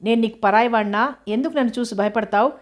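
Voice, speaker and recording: A woman voicing a kind, earnest young man gently comforting his cousin, in a novel reading. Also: a little high, quick pace, natural voice. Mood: gentle. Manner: affectionate, earnest. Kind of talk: audiobook character reading.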